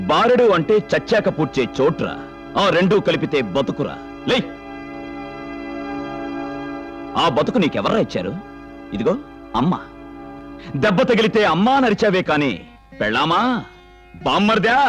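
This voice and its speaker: An actor playing a stern, righteous local strongman who lectures forcefully in a film drama. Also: a little high. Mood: lecturing. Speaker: local strongman called Anna.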